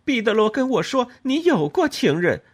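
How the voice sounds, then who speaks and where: A man voicing a furious young woman who shouts cutting accusations in an audiobook. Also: high voice, very animated, measured pace, breathy edge, pitched above the performer's own voice, exaggerated voice.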